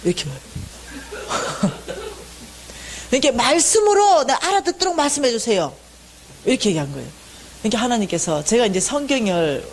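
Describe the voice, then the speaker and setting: A woman gives a testimony sermon as a church finance lecturer. She tells her story to the audience and acts out her prayers loudly. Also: mid-range voice, slight background noise. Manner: speaks to the audience directly.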